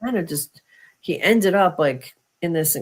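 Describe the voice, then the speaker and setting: A woman's voice: lowish voice, lively intonation, unhurried. A woman in a casual podcast chat about movies, reflective and hedging, with many fillers and frequent agreement. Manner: agreeable, affirms often. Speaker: podcast co-host.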